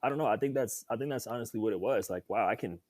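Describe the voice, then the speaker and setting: Talking very fast, this young podcast guest and former football player tells his story in a fairly low, darkish voice. He's cheerful and chatty, quick to laugh, in a casual interview setting with no room sound.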